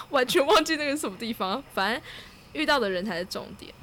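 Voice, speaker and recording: A woman telling a personal travel story in a casual chat, laughing often and pausing to search for words. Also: sits high, animated, fairly bright tone, slight background noise.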